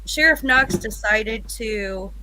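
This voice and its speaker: A woman's voice: fairly high pitch, takes it slowly, background noise. A woman guest on a video-call panel, talking casually with some hesitation.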